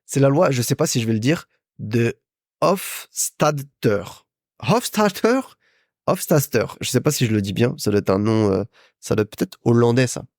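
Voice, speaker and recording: Hosting a casual business podcast, a young man gives advice in a chatty way aimed directly at the listener, with lots of repetition and restarts. He sounds animated at medium pitch and normal speed, darkish in tone, in a dry recording of studio quality.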